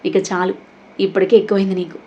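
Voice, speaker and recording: A woman voicing a teasing but protective young man in a romantic audio story, speaking gently. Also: medium pitch, little pitch movement, quick pace, highs cut off, close to an everyday voice. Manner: teasing, then gentle and soft.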